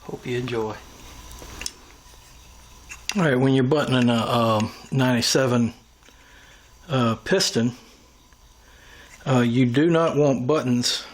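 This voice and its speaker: A man's voice: medium pitch, takes it slowly, long pauses, a little hiss or hum. A man giving a hands-on workshop tutorial, talking through each step as he works with his tools. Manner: talks through each step while working. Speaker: airgun tuner demonstrating machining.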